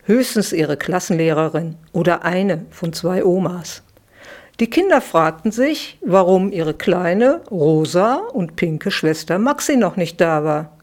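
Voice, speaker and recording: A woman, the author, reading her children's bedtime story aloud, giving the children lively little voices. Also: on the low side, slow pace.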